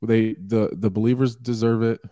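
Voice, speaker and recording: A man's voice: on the low side, steady tone, moderate pace, warm tone, no echo, clean studio sound. A man co-hosting a casual podcast, laid-back and agreeable, a fighter talking about his own style. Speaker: podcast co-host.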